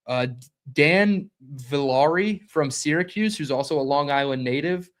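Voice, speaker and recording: A young man hosting a live-streamed sports reaction show, talking fast and conversationally and reading out chat comments. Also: a little high. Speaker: podcast host.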